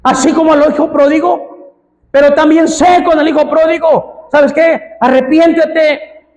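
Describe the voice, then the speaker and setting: A man with a Mexican Spanish accent, a pastor preaching a fervent sermon, often shouting out the pleas he quotes. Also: very high-pitched, fairly even intonation, a little slow. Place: church hall. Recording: long reverb of a church hall.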